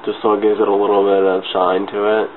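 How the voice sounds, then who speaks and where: Congested from a cold, a man rambles informally and gigglingly through a makeup tutorial, talking fast in a completely flat, fairly low voice. The recording sounds muffled and phone-like, webcam-style, with clear noise.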